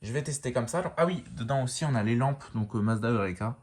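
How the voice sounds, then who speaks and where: A man giving a casual show-and-tell of a lamp, talking in a relaxed, rambling way full of fillers and restarts. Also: medium pitch, quick pace. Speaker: lamp collector showing a fixture.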